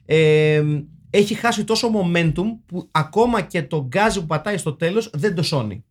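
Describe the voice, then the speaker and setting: A man's voice: high voice, expressive. A man on a podcast talking through a film in casual, rambling chat, restarting often and dropping sardonic jokes. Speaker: podcast host.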